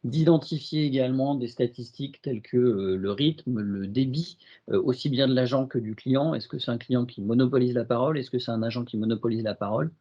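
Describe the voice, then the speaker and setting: A man with a French accent presenting a software demo in a webinar, hesitant and full of fillers and restarts. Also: medium pitch, fairly quick, highs cut off.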